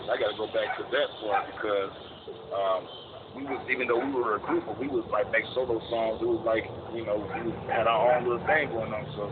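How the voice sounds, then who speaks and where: Man, from Chicago, interview guest, laid-back, profane, tinny phone sound, noisy background. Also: medium pitch. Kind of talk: casual interview chat.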